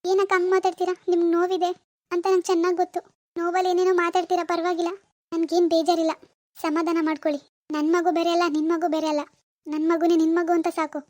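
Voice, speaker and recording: A woman voicing a gentle, patient young woman who pleads politely in an animated village drama. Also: very high-pitched, quick pace, no echo. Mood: pleading.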